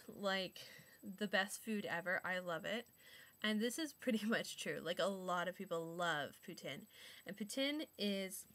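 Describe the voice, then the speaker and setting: A woman's voice: medium pitch, sharp tone. A young woman from Montreal, chatting casually to camera, full of fillers and sarcastic asides. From Montreal, Quebec. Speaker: vlogger.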